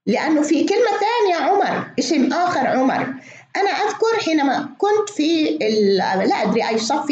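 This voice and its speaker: A woman giving a spoken lecture, explaining with many examples and often pausing with fillers. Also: sits high, a little mellow. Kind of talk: spoken lecture on reading and spelling. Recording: echoey, dull lo-fi room recording.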